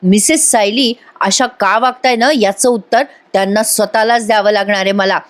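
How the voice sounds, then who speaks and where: A woman's voice: mid-range voice, fairly even intonation, moderate pace, lightly acted. A woman reading the lines of a furious young husband who is close to tears, in clipped, angry phrases.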